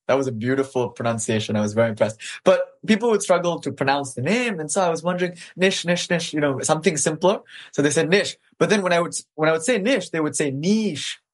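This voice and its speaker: A man, an articulate interview guest who laughs often, speaking over a video call. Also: fairly high pitch. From Malaysia. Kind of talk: conversational interview.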